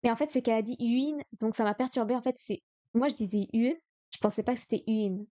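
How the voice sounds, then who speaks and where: A woman's voice: on the high side, brisk, mellow, no echo. A woman streaming a live study session, thinking aloud hesitantly with many fillers. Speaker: streamer learning Chinese.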